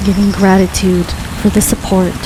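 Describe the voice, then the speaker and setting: A woman leading a guided grounding meditation in a calm, soothing, unhurried way, leaving long pauses between phrases. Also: medium pitch. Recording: steady rain noise behind voice. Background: rain falling.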